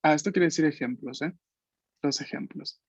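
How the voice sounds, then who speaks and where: A man's voice: fairly high pitch, moderate pace, husky, no echo, lo-fi sound. A man teaching an online language class, explaining patiently and checking in with frequent questions. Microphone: video call.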